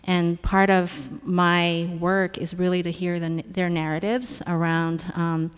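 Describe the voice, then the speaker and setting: A woman's voice: on the low side, level tone, slow pace, smooth. A woman psychologist speaking thoughtfully and reflectively on a panel, with some fillers. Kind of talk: panel discussion talk. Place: university lecture hall. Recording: long hall reverb.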